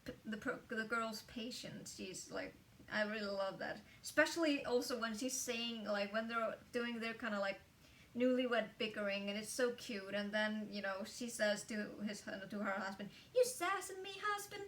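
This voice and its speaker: A woman's voice: medium pitch, steady tone, moderate pace, fairly bright tone, distant mic, a little hiss or hum. A woman casually reviewing a book, talking in a chatty way with lots of fillers and restarts.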